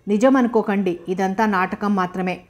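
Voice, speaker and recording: A woman's voice: mid-range voice, steady tone, moderate pace, darkish tone, natural voice. A woman reading the lines of a playful young man who persuades a girl to join his scheme, in an audiobook. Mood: teasing. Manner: teasing, persuasive.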